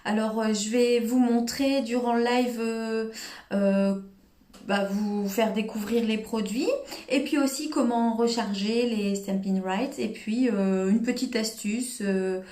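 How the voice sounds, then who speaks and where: A woman's voice: fairly high pitch, steady tone, slow pace, dark tone. A woman with a northern French accent hosting a live crafting demo from her phone, nervous and hesitant, with many fillers. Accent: northern French, Cambrésis. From northern France. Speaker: crafting livestream host. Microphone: phone held in hand. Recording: echoey room, faint noise.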